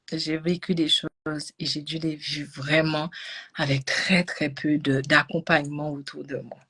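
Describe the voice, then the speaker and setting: A woman with a husky, slightly low voice recounts a personal story. She is animated, rising into loud bursts and then dropping to hushed whispers. It sounds like casual live storytelling to an audience. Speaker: energy healing coach.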